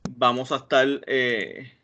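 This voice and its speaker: A man's voice: mid-range voice, steady tone, slow pace, bright, forceful tone, slight background noise. A man from Rico, a database administrator giving an online technical talk, hesitant and full of fillers and restarts. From Puerto Rico. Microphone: computer mic on a video call. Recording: dull lo-fi video call audio.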